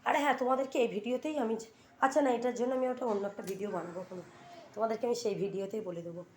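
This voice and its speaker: A woman's voice: on the high side, fairly even intonation, rapid-fire, a little mellow, a little hiss or hum. A mother chatting to her viewers in a casual home vlog, talking them through her day while scolding and coaxing her children.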